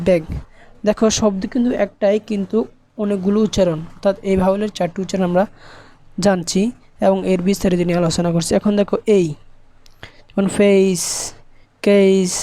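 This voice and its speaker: A tutor teaches English vowel sounds, spelling each word letter by letter before saying it, in an even, repetitive teaching rhythm. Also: medium pitch, rough recording. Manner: spells out words letter by letter, then says them. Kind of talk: spoken lesson to viewers.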